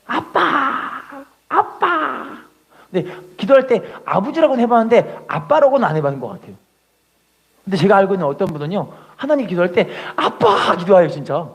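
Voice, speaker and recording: A woman pastor preaching a Sunday sermon in Korean, telling stories with lively acting and having the congregation repeat scripture. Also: fairly low pitch, fast talker, breathy edge. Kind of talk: sermon with storytelling.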